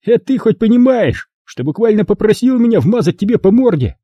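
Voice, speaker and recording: Male reader voicing a loud, sneering teen bully; high-pitched, lively, husky. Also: brisk, no echo, dull audio. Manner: mocking, theatrical taunting. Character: sneering teenage boy bully, loud and crude.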